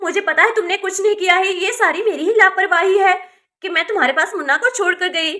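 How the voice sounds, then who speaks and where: A woman's voice: extremely high pitch, brisk, sharp tone. A woman voicing a worried young village mother who scolds her sister in a doll story. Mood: anxious. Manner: anxious, scolding.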